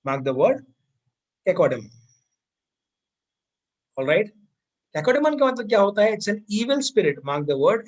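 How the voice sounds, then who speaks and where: Indian-accented male teacher, high-pitched, unhurried delivery, repeats and spells out words. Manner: mixes Hindi and English, spells and repeats words. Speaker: vocabulary teacher. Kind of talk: online class lecture.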